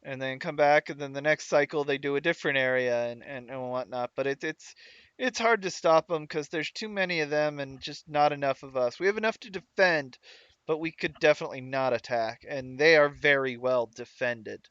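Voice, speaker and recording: A man plays a weary, matter-of-fact guard captain in a tabletop game, with a faint put-on Southern drawl. His voice is smooth and fairly high, and he rambles with many halting restarts. The recording is dry and dull, like a lo-fi mic. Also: fairly bright tone, no room sound, close to an everyday voice. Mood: explaining. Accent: put-on Southern US drawl, dropping.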